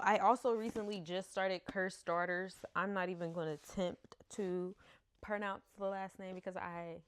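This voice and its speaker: A woman's voice: fairly low pitch, a bit bright, a little hiss or hum. A woman in her thirties from the United States, a book vlogger chatting casually at home into a camera mic, laughing often and stumbling over names. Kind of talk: casual chat.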